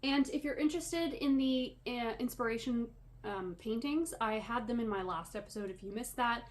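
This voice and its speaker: A woman's voice: fairly high pitch, normal speed. A woman chatting casually as a podcast host, slightly wheezy and short of breath, with rambling, self-deprecating asides. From Canada. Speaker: podcast host and yarn dyer. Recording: clear background room noise.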